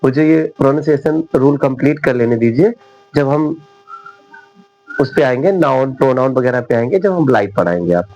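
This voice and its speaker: A man's voice: medium pitch, expressive, normal speed, darkish tone, low-quality recording. A man teaching English pronunciation in Hindi, with a sore throat, patiently spelling words out letter by letter. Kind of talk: spoken Hindi English lesson.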